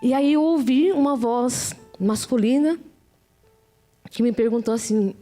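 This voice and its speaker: A woman's voice: on the high side, a little slow, mellow, soft background music. A middle-aged woman with a Brazilian Portuguese accent telling her personal testimony in a heartfelt, repetitive way. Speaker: missionary giving testimony.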